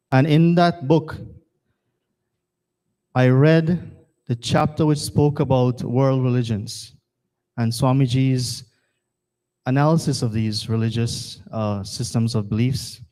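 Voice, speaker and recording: Mellow-voiced man addressing a congregation. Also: medium pitch. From Guyana. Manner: earnest, rhetorical, repeats phrases for emphasis. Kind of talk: formal religious address. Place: temple hall.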